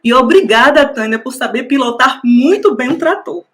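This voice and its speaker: Woman, higher voice, gushing heartfelt thanks, emotional. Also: expressive, moderate pace. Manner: effusive, emotional, repeats the listener's name. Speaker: master's student and school coordinator. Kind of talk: heartfelt tribute speech.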